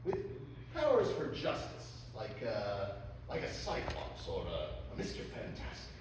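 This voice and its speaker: A man's voice: on the low side, huge pitch swings, unhurried, noisy background. A man playing a bossy, exasperated therapist in a comedy sketch, recorded from far off in an echoey hall.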